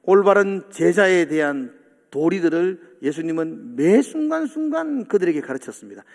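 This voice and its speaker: A man's voice: high-pitched, very animated, moderate pace, vocal fry. A male pastor, preaching a sermon in a church sanctuary and acting out the disciples' complaints. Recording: long hall reverb.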